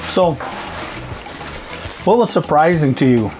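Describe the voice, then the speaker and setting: A man's voice: on the high side, animated, slow, a little mellow, faint music behind. A man interviewing a pastor in casual chat, asking short questions with a light, joking touch.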